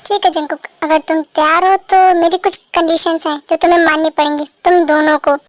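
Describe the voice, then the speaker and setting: A woman's voice: very high-pitched, flat delivery, a little fast, no echo, clean studio sound. A woman voicing a strict father who sets hard conditions for his teenage children in a fan dub. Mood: stern. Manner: stern, reproachful. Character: strict father of two teens, hurt and demanding.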